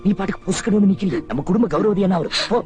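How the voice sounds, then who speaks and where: A man's voice: high-pitched, expressive, very fast, highs cut off. An actor playing a proud, hot-tempered village man and protective husband in a film scene, commanding and fiery. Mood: urgent. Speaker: village headman. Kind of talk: Tamil film acting. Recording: film soundtrack with loud music.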